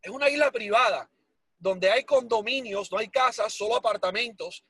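High and husky, the voice belongs to a Cuban-accented man in his forties from Miami recounting his life as an interview guest. He keeps a moderate pace, lively and self-mocking, mixing in English words, with no echo on the recording.

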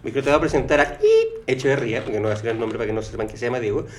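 A man's voice: medium pitch, very fast, a little hiss or hum. A young man with a Chilean accent co-hosting a casual podcast, wryly trying to keep the talk on track. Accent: Chilean Spanish. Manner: keeps trying to steer the talk, wry. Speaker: podcast co-host. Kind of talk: casual banter.

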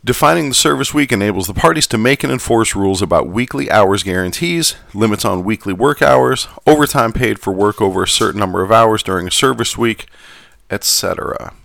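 A man voicing a genteel Southern gentleman who reads aloud in a measured, formal manner with a Southern US accent. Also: lowish voice, lively intonation, gravelly, no echo. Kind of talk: scripted reading.

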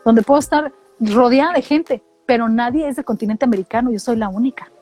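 A middle-aged woman from Mexico with a Mexican accent, telling animated, slangy stories in casual chat and acting out what people said. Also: a little high, brisk, soft background music. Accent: Mexican Spanish. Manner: animated storytelling, slangy, acts out quotes.

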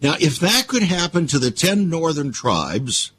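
A man's voice: on the high side, big pitch swings, unhurried, a bit bright, breathy edge. A man hosting a radio show, giving preachy Bible-based commentary full of rhetorical questions.

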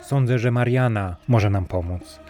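A man voicing an honest, careful poor man from a storybook who gives hushed warnings. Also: fairly low pitch, measured pace, faint music behind, lightly acted. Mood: calm.

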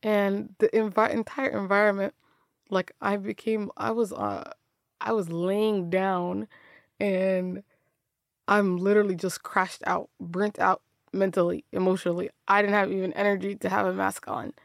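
A woman's voice: medium pitch, little pitch movement, normal speed, vocal fry, no room sound, clean studio sound. A young woman telling her own story in a candid, conversational way, often laughing and restarting her sentences. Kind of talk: personal storytelling monologue.

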